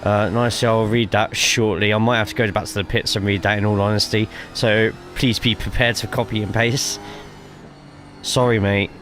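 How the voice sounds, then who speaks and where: A man's voice: lowish voice, steady tone, normal speed, fairly bright tone, faint music behind. A man with a cough giving casual, chatty live commentary while streaming a sim racing game, swearing freely and reading chat aloud.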